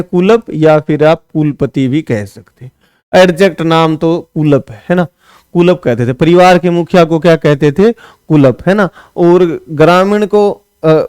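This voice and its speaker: A man's voice: fairly high pitch, darkish tone, smooth, no room sound, studio quality. A man teaching an exam-prep lesson, firing off quiz questions and answering them himself, repeating each answer with a tag question. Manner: casual, scolds sloppy notes.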